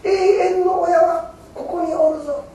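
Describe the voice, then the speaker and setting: A man's voice: very high-pitched, steady tone, a little slow, warm tone, pitched above the performer's own voice. A man voicing Amida Buddha as a fatherly eternal parent, calling out in exultant joy. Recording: very echoey hall, mic far off.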